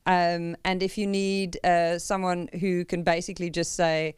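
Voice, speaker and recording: Woman, South African Afrikaans accent, podcast host, slightly low pitch, dry close sound, casual, playful, self-deprecating. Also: flat delivery, measured pace, clear, resonant tone, no echo. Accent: South African, Afrikaans-influenced. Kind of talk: casual, joking chat.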